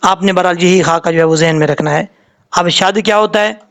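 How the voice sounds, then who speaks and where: A man's voice: high voice, brisk, a bit bright. A man with a Pakistani Urdu accent teaching Quran reading, patiently drawing out letter sounds to show how they are said.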